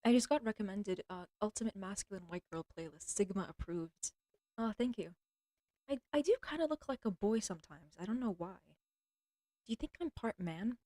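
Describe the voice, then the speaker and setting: Talking directly into her streaming mic at home beside her cat, a young woman keeps veering off and interrupting herself, blunt and crude in a casual, meandering monologue. Her warm, mid-range voice is animated, moderately paced, and a bit throaty, with frequent throat-clearing. The audio is close and dry, free of room echo.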